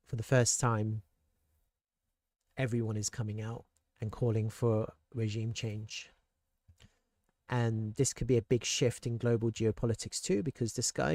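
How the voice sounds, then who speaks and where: A man's voice: mid-range voice, mellow, no echo, clean studio sound. A man giving casual, thinking-aloud commentary on crypto charts and world events, with rhetorical asides and frequent restarts. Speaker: crypto market analyst.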